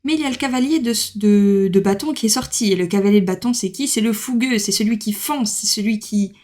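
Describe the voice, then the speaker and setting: A woman's voice: mid-range voice, fairly quick, mellow. A woman giving a casual tarot reading to camera, chatty, with many fillers and laughs. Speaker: tarot card reader.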